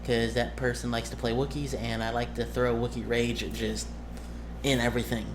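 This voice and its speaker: A streamer and game master chats casually with his viewers, halting, rambling, and correcting himself. He has a mid-range voice with little pitch movement, and there's noise in the background.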